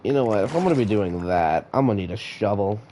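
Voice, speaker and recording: A man's voice: fairly low pitch, animated, fast talker, mellow, slight background noise. A man who is sick, chatting casually to his live-stream chat while he plays, often stammering and repeating words. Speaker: live-streamer playing a block-building game.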